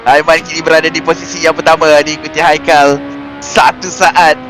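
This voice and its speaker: A man's voice: fairly high pitch, level tone, brisk, a bit bright, a little hiss or hum, poor audio. A man co-commenting a sim race in a chatty, laughing way. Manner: chatty and laughing, mixes Malay and English.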